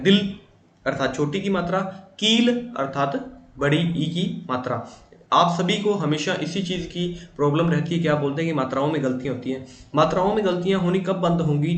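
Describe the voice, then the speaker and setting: Patient male Hindi grammar teacher. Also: fairly high pitch. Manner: patient, repeats points with "ठीक है", stretches vowels to demonstrate. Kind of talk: online class lecture. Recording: echoey room with faint ambient noise.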